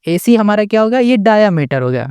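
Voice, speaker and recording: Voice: medium pitch, big pitch swings, a little fast, a little mellow, smooth, no room sound, clean studio sound. A maths tutor giving a step-by-step lesson. The tutor keeps asking the class rhetorical questions and checks in with "okay?" after each step, patiently restating points.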